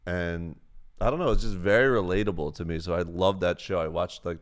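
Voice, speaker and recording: A man's voice: sits low, fairly quick. A man casually chatting on his livestream, reading chat questions aloud and telling stories, swearing freely. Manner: laid-back, swears a lot, reads chat questions aloud.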